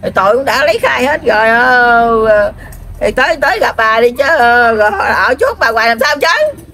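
A woman's voice: fairly high pitch, animated, bright, forceful tone. Scolding Southern Vietnamese woman medium. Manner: scolding, rambling, repetitive with drawn-out fillers. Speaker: spirit medium. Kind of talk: trance channeling of an old grandmother spirit.

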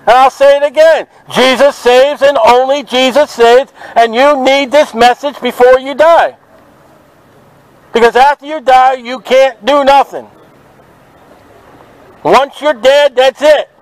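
A man preaching outdoors at a market, forceful and confrontational, quoting scripture to passers-by. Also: extremely high pitch, fairly even intonation, measured pace, no room sound, rough recording. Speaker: street preacher. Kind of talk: open-air street preaching. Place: outdoors at a city market by traffic.

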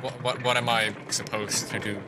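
A man's voice: medium pitch, little pitch movement, moderate pace, heavy background noise. Young man streaming a game, confused. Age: young adult. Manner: confused, rambling, repeats words. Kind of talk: live gameplay commentary. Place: small room indoors. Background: game music.

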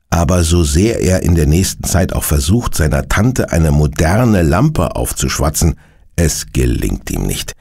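A man narrating a children's detective radio play in an expressive, lilting way. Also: very deep voice, gravelly, slightly rough. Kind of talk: scripted storytelling for children.

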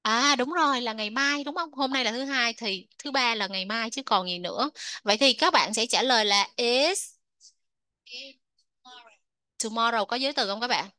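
A woman English teacher explaining a textbook lesson, asking her students questions and drilling pronunciation slowly. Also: a little high, sharp tone, no room sound.

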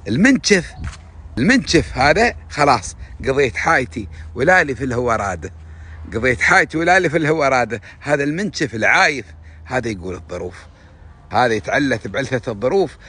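Husky Emirati man giving rambling advice. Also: sing-song, fast. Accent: Emirati Gulf Arabic. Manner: rambling, preachy, with sudden rises in pitch and loudness. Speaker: social media host. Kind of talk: casual advice monologue.

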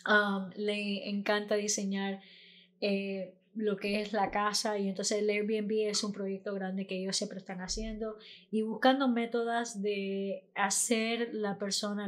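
Slow, hesitant woman hosting a podcast. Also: mid-range voice. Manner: hesitant, with fillers and mixes in English words. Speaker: podcast host. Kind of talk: casual podcast interview.

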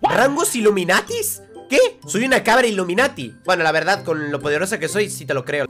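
Young male streamer, loud and excitable, jokey let's-play host. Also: high voice, fairly quick, soft background music. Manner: loud, excitable, jokey, shouts and laughs a lot. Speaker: gaming streamer.

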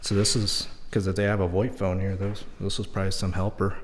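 An urban explorer host from Texas casually narrates his walk through an abandoned house, commenting in a relaxed way on what he finds. His voice is low and level and he talks briskly, captured indoors on a handheld camera mic with a bit of hiss or hum.

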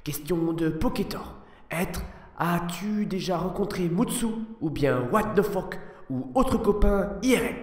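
A man's voice: high voice, expressive, unhurried, pitched above the performer's own voice. A man voicing a simple-minded caveman who speaks in broken third person and refers to himself by name. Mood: grunting, eager. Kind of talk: role-play character voice. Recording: echoey room with long reverb, far from mic.

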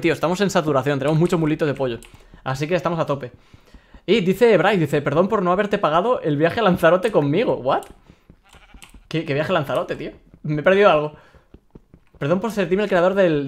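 A young man with a Spain Spanish accent hosts a live game stream, reading viewer messages aloud. He talks very quickly in a slightly high voice, excitable and quick to laugh. He often stumbles and repeats words as he goes.

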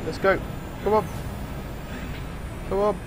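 A man's voice: high voice, fairly even intonation, slow, a little hiss or hum. A man giving casual let's play commentary, joking and swearing as he reacts to the game.

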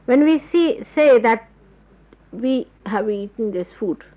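Woman spiritual teacher, explanatory and unhurried, heard on a lo-fi old tape. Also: on the high side, lively intonation. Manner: explanatory, gropes for words with pauses. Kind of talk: spoken spiritual talk to followers. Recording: dull lo-fi 1979 tape recording.

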